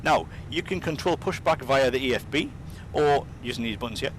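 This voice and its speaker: A man giving a casual, explanatory software demonstration as its presenter. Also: expressive, fairly quick. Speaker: presenter of a flight simulator demonstration. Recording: rumbling engine noise behind. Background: simulator aircraft rumble.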